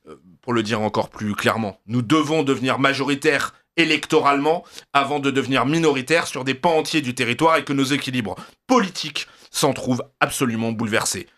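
A man's voice: mid-range voice, brisk, fairly bright tone. A man delivering a prepared political radio column in an emphatic, rhetorical, declarative manner.

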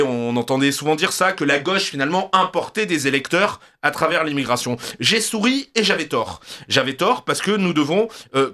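A man's voice: fairly high pitch, pushed and bright. A man delivering a prepared political radio column in an emphatic, rhetorical, declarative manner.

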